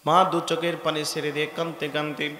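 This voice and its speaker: A man's voice: on the high side, little pitch movement, fast talker, bright, forceful tone. A man preaching a Bengali waz sermon with a Bangladeshi accent, chanting in a sing-song way and swelling into impassioned crying-out. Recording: echoey hall with long reverb.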